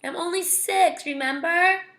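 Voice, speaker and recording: A woman's voice: moderate pace, sharp tone. A woman voicing a whiny six-year-old boy who whimpers and cries as he talks. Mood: crying whine. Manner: high whimpering crying voice.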